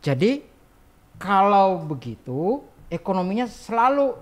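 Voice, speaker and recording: A man's voice: high voice, big pitch swings, unhurried. A man guest on a casual podcast interview, explaining things in a chatty way and asking rhetorical questions. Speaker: guest archivist.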